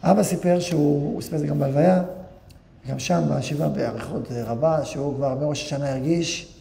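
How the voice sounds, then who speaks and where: Gravelly high-voiced man giving a eulogy. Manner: storytelling, reenacts dialogue in lively voices. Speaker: yeshiva rabbi giving a eulogy. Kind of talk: memorial eulogy with storytelling.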